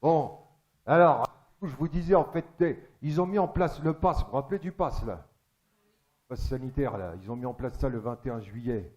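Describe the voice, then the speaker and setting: A man's voice: mid-range voice, moderate pace, darkish tone, highs cut off. A man doing a stand-up comedy monologue on a theatre stage, chatty and crude, teasing the audience.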